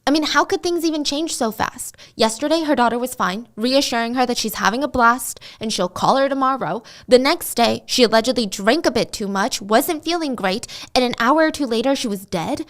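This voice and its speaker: Chatty woman telling a story, slightly high. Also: fairly quick, hardly any pauses, a bit bright. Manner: chatty, with conversational asides and rhetorical questions. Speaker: commentary host. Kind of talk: casual storytelling while drawing.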